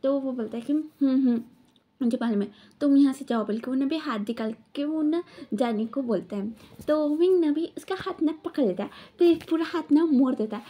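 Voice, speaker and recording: High, mellow woman retelling a story. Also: animated, a little fast. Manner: chatty, many filler words.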